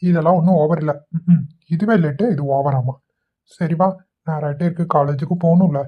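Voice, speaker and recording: A young cartoon husband with a deep, low voice, put on by a woman, snapping out quick, curt lines. He is blunt and short-tempered, and he scolds more than he talks. The sound is a little dull and lo-fi. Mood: teasing.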